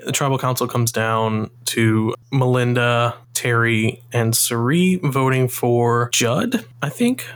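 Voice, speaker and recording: Male podcast host, medium pitch, chatty recap, swears freely while quoting players. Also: slow, few pauses, clean tone. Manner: chatty, retells events with quoted lines and swearing.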